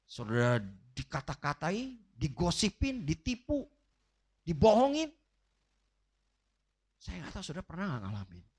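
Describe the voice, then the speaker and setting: Emphatic high-voiced preacher, bright and lively. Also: male voice, unhurried, long pauses, slightly rough. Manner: emphatic preaching, repeatedly addressing the congregation directly. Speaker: pastor. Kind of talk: sermon. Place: church livestream.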